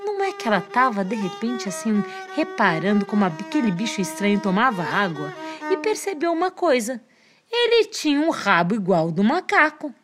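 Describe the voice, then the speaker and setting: A woman with a Brazilian accent telling stories to children in a playful, expressive, inviting fireside storytelling manner. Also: medium pitch, moderate pace. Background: music.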